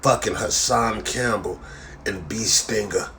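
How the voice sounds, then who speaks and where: Low-voiced man ranting on a live stream. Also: unhurried, gravelly, pushed and bright, a little hiss or hum. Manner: rambling, repeats slang tag at line ends, heavy swearing. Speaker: live-stream host reading chat comments. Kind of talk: casual profane rant to viewers.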